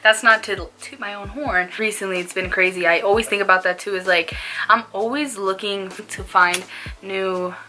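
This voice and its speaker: A woman's voice: medium pitch, steady tone, moderate pace, sharp tone. A young woman chatting casually in a laid-back, slangy stoner manner, as in a smoke-along vlog. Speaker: small YouTube vlogger.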